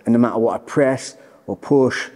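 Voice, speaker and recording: A man's voice: mid-range voice, moderate pace, a little mellow. A man in his thirties explaining his own symptoms in casual chat, as presenter and patient. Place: large hard-floored gym, indoors. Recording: reverberant hall-like room.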